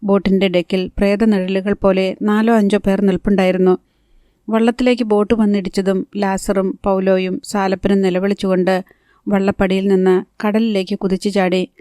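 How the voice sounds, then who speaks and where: Woman reading a novel audiobook, flat steady delivery, mellow tone, dry close sound. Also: medium pitch, moderate pace, dry recording. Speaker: audiobook narrator. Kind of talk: scripted novel narration.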